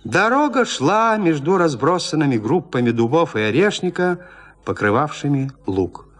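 With a fairly high, sing-song voice, a man performs classic literary prose as a storyteller. He is expressive and leaves deliberate pauses between his phrases.

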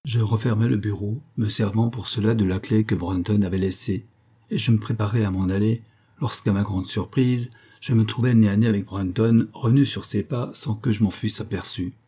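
A man narrating a classic detective story in the first person, measured and steady. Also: fairly low pitch, husky. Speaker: audiobook narrator.

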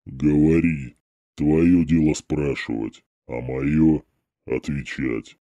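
A man's voice: rumbling low, fairly even intonation, mellow, dull audio, voice pushed down. Man voicing an ancient dead monk, cavernous echo. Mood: mournful. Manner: slow, trembling, doleful. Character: ancient dead male monk, mournful, hollow-voiced. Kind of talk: storybook narration.

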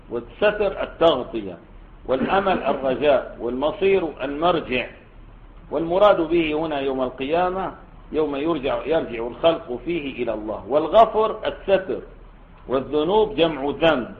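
A male scholar giving a classroom lesson explaining a classical text, posing questions to his students as he goes. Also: fairly high pitch. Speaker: Islamic scholar teaching a text. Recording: tinny phone-like lecture recording.

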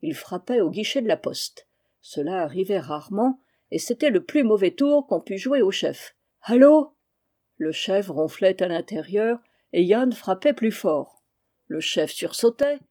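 A woman reading a novel aloud in a steady, measured storytelling manner. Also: mid-range voice. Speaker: audiobook reader.

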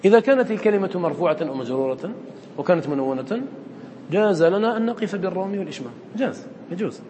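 A man's voice: high voice, expressive, rapid-fire, darkish tone, long reverb tail, slight background noise. A man teaching students the rules of Quran recitation, who often quizzes his listeners and repeats his points. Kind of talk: lecture to students.

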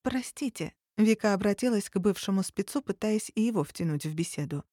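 A woman narrating an audiobook in a measured, even reading. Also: mid-range voice, no echo, studio quality.

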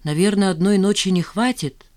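A reader voicing a gruff young man who mumbles, half asleep. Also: high voice, moderate pace, darkish tone, dry recording, studio quality, natural voice. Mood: mumbling. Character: jealous, sleepy young man.

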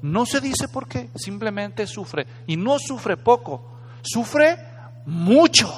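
A man's voice: high voice, big pitch swings, slow, husky. A man preaching a sermon in a dramatic, conversational way, often putting questions to the congregation. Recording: echoey hall.

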